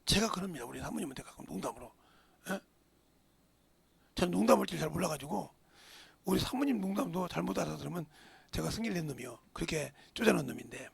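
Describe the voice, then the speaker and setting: A man's voice: on the high side, expressive, fast, gravelly, pauses often. A male pastor preaching a sermon with emphasis. He fires rhetorical questions and often drops into a whisper.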